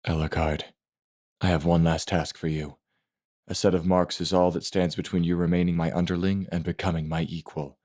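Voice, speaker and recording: A man reading an audiobook, voicing a grave middle-aged assassin mentor who speaks in a measured, stern and fatherly way. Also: low voice, flat delivery, a little mellow, no room sound, clean studio sound. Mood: solemn. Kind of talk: audiobook character voice.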